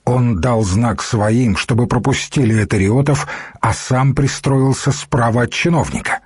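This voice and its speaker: Husky guy narrating a story audiobook, steady, no room sound. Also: medium pitch, measured pace, dry recording, studio quality.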